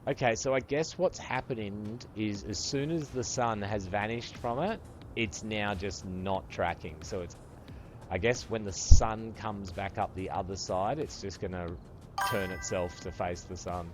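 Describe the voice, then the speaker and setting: This fifty-ish male streamer chats with his viewers while gaming, swearing freely and addressing them as brother. His voice is fairly low and a little slow, and faint background music is audible.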